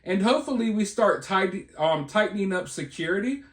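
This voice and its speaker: A fairly bright, high-pitched American voice carries lively intonation at a moderate pace as this channel host delivers casual news commentary. He talks rhetorically, speculates, and keeps checking in with viewers. Reverberation from a roomy space surrounds his speech.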